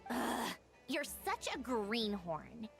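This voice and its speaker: A woman's voice: a little high, big pitch swings, drawn-out words, gravelly, a bit bright, faint music behind, full character voice. A woman voicing a haughty, impatient young female inventor with a smug, exasperated drawl in an anime video game.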